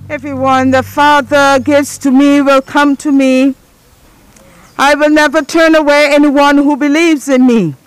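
Woman officiant at an outdoor graveside; high-pitched, unhurried, solemn recitation of burial prayers. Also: little pitch movement, low-quality recording. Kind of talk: reading a funeral liturgy.

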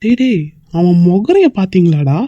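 A man's voice: high-pitched, sing-song, normal speed, mellow, no echo, highs cut off. A man voicing a young male friend in a cartoon skit, ribbing and bluntly scolding his buddy.

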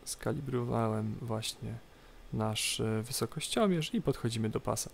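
A man presenting an unscripted game tutorial, explaining step by step in a halting way and repeating phrases. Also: medium pitch, vocal fry. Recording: light background noise, game cockpit ambience. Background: flight simulator cockpit ambience.

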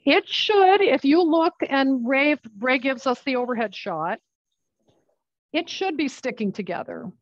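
Chatty woman running a live cooking demonstration, with a fairly high voice, talking through each step as she works the dough. The sound is muffled and dry, with no room echo. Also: animated, a little slow. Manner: chatty, explains while working with her hands. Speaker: cooking class instructor.

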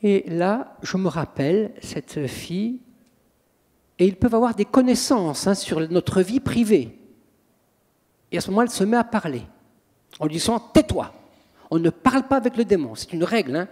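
Priest and exorcist, male, high husky voice, theatrical and lively; hall reverb. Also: moderate pace. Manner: theatrical storyteller, acts out scenes. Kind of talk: anecdotal public talk.

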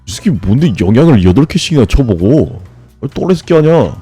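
A man streaming a game, grumbling and swearing at it, then breaking into sudden high shouts. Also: sing-song, fairly quick, breathy edge, dry recording, faint music behind. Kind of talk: frustrated live gameplay commentary.

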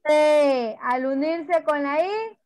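High-voiced patient teacher. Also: female voice, drawn-out words, background noise. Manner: patient, affectionate, full of diminutives. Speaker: preschool teacher. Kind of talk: online class for young children.

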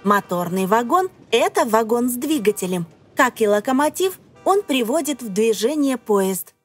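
Over background music, a woman with a slightly high, very lively voice reads scripted educational narration aimed at young children. She phrases things carefully and asks the listener questions.

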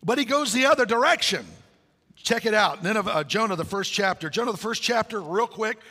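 A male pastor delivering a sermon in a large church, animated and joking, acting out the dialogue of his stories. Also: high voice, a little fast, long reverb tail. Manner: animated, jokey storytelling with acted-out dialogue.

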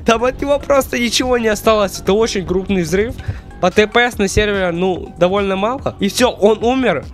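A man's voice: high-pitched, fairly quick, soft background music. A man doing gaming prank commentary as a YouTuber narrating his video.

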